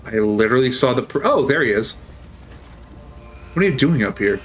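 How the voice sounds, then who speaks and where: A man's voice: mid-range voice, lively intonation, moderate pace, slightly rough, soft background music. A man streaming a role-playing game, chatting casually, swearing and joking as he plays. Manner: profane, joking, laughs often. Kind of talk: casual gameplay commentary.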